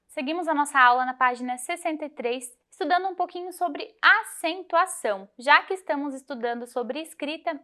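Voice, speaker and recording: A woman teacher guiding students through a grammar lesson, clear and methodical, slowing to spell out example words. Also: sits high, sharp tone. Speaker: Portuguese teacher. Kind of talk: recorded lesson walkthrough.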